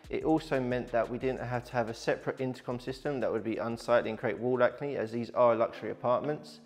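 Over soft background music, this installer in his thirties speaks quickly in a mid-range voice. He presents his company's smart home installation plainly and instructively, the way a tradesman gives a walkthrough.

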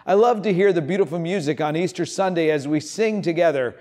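A man in his fifties, a pastor, preaching and reading scripture in an animated storytelling way, in an empty church. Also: a little high, brisk. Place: empty church sanctuary, indoors.

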